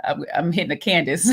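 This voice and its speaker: A woman co-hosting a casual chat, animated and laughing often, acting out both sides of an argument. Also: lowish voice. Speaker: co-host.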